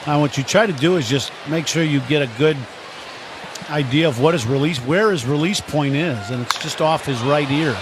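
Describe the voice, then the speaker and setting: An American man with a fairly high voice gives color commentary at a moderate pace on a live baseball radio broadcast, explaining the game conversationally. Ballpark crowd noise sits behind the broadcast.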